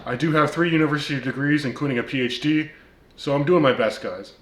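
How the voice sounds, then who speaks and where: Fast and fairly high-pitched, with a fairly bright tone, a man with a slight Turkish accent hosts a casual watch-review vlog. He responds to critics wryly, peppering his talk with ums and uhs, and the room sounds echoey.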